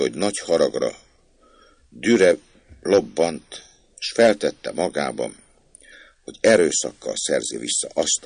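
A man reading a classic tale aloud as an audiobook narrator, with a measured storytelling cadence and a husky voice. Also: very deep voice, dry recording.

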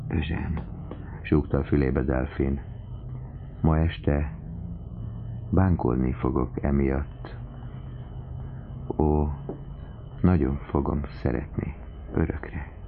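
A man's voice: rumbling low, fairly even intonation, vocal fry, long pauses, a little hiss or hum. A man voicing an affectionate young woman, a devoted daughter, in an audiobook reading. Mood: tender. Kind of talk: audiobook character voice. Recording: tinny phone-like lo-fi recording.

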